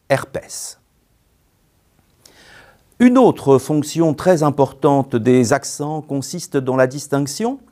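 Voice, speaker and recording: A man narrating a scripted grammar lesson, slow and careful, spelling out syllables one by one. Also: on the high side, dark tone. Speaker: teacher.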